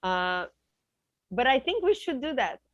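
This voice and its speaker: A woman's voice: on the high side, very animated, unhurried, a bit bright, dry recording. Woman on a dull video call. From Brazil. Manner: friendly, laughs often, thinks aloud. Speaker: guest. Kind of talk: informal video-call conversation.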